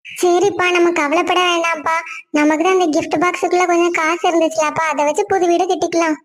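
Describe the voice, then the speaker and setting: A woman's voice: very high-pitched, level tone, fast talker. A woman doing a sweet little cartoon girl. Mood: childlike. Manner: childlike, pleading to her father. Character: young daughter, sweet and outspoken.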